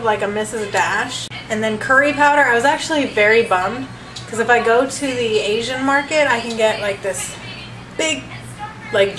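Thirties woman vlogger, bright-pitched and chatty, recorded on a table camera in a reverberant, noisy kitchen. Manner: rambling, chatty, thrifty. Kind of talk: casual grocery haul chat. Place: home kitchen, indoors. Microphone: camera mic at table distance. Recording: echoey kitchen with background noise.

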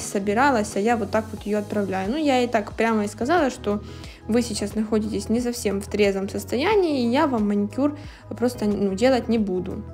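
A woman's voice: fairly high pitch, a little mellow. Chatty woman over background music. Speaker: nail technician narrating a manicure video. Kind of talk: casual storytelling voice-over.

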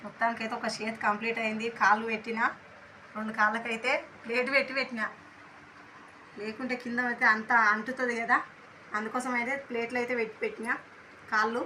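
A woman's voice: on the high side, little pitch movement, fast, pushed and bright, a little hiss or hum. A young woman, chatting through a casual home vlog, rambling with many fillers while she has a stuffy cold and sore throat. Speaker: vlogger and mother.

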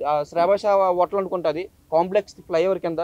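A man gives an impassioned account at a press meet. His voice is high and he talks very fast and urgently. The audio is dull and muffled. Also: fairly even intonation, darkish tone. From Visakhapatnam, India. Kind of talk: emotional press statement.

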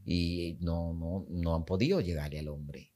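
A man in his forties with a Dominican Spanish accent speaks as a podcast guest, his voice deep, mellow and steady, with a slightly slow pace. He talks emphatically, repeats his points and gestures as he goes. The conversation takes place on a small studio set, picked up by a studio mic on a boom arm.

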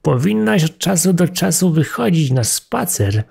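Guy voicing a smug greedy cat, slow and gravelly, sly. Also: fairly high pitch, big pitch swings, a little mellow, pitched above the performer's own voice, heavily acted. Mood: patronizing. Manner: sly, coaxing tone. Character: greedy sly tomcat, smooth-talking then menacing.

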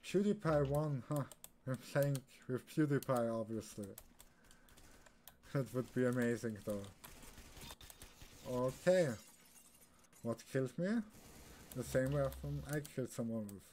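Warm and unhurried, this young man's mid-range voice pauses often as he casually commentates his live game stream. He's from Austria, speaks German natively, and has an Austrian accent. The clip clearly picks up his keyboard and surrounding noise.

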